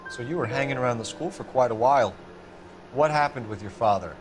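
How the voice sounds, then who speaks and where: An actor playing an upright, earnest 1940s police detective who talks in a formal, stiff way, in video game dialogue. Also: male voice, medium pitch, fairly quick, over music, lightly acted.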